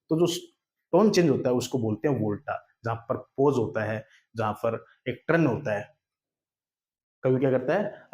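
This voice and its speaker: A man gives a lecture in an ordinary mid-pitched voice. He repeats key terms and poses questions he then answers himself. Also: darkish tone. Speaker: teacher. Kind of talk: classroom lecture.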